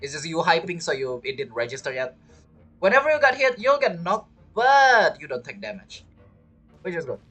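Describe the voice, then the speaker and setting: A non-native English-speaking woman livestreams a game, chatting casually in a hesitant, rambling way that loops back and repeats phrases. Her fairly low, fairly bright voice swings widely in pitch, with a breathy edge and normal speed. Game music and character voices play behind her.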